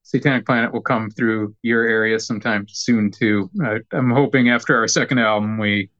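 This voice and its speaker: A man appearing as a guest on a podcast, chatting in a relaxed way and making dry quips. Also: lowish voice, moderate pace, no room sound, muffled recording. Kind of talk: casual interview chat.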